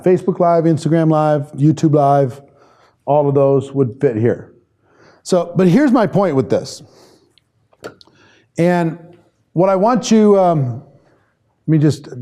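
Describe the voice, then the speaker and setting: With a warm, fairly high voice and lively intonation, this sales trainer talks at a measured pace and pauses often. He's leading an informal live class online, thinking aloud while reading out and answering viewers' comments.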